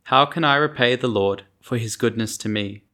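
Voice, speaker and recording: Male church lector, formal and measured, for scripture readings and psalm verses at Mass. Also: medium pitch, bright, forceful tone.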